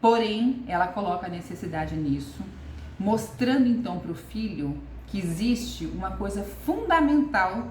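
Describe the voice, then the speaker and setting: A woman's voice: medium pitch, animated, a little slow, darkish tone, slight background noise. A woman coach with a Brazilian Portuguese accent giving a casual video lesson, reflective and repeating her key questions. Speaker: communication coach. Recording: echoey room with faint ambience.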